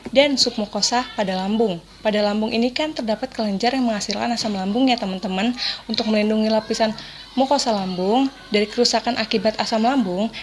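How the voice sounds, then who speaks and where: A woman's voice: fairly high pitch, a little hiss or hum, low-quality recording. A young woman from Indonesia giving a friendly health lesson to her peers. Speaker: student presenter.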